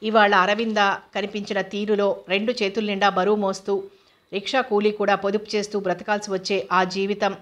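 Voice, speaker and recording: A woman reading a novel aloud as a narrator, voicing every character in her own voice. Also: mid-range voice. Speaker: audiobook narrator.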